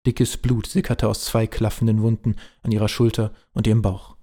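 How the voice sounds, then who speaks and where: A man narrating a hobby audio drama in a plain, steady storytelling way. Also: fairly low pitch, moderate pace.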